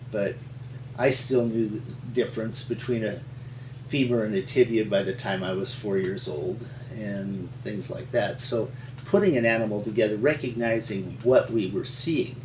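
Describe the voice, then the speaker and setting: A man with a fairly low pitch, the resident paleontologist from Montana, rambles through folksy tales in a storytelling interview, often chuckling. The mic sits at a distance in an echoey room, and the background is noisy.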